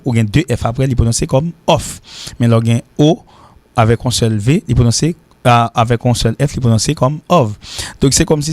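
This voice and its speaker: A man's voice: medium pitch, a little mellow, dry recording. Man teaching English drills. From Haiti. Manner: repeats words slowly for drills, mixes languages. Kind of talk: radio English lesson.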